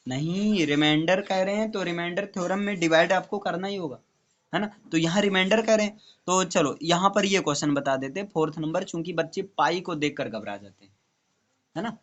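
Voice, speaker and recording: A man's voice: high-pitched, a little fast, fairly bright tone, dull audio. A male tutor teaching maths to a student, explaining step by step and checking in often. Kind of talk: classroom maths lesson.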